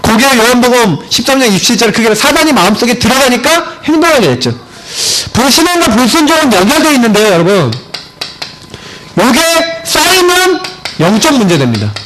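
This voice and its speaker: Animated high-voiced man preaching. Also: brisk, a little hiss or hum, low-quality recording. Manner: animated, swings from high emphatic points to low storytelling. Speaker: pastor. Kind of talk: sermon with personal story. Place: church sanctuary.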